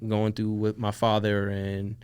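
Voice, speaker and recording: A man's voice: fairly low pitch, monotone, measured pace, darkish tone, clear, resonant tone. A man as a podcast guest, talking in a laid-back, slangy way and often saying "bro". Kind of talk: casual conversation.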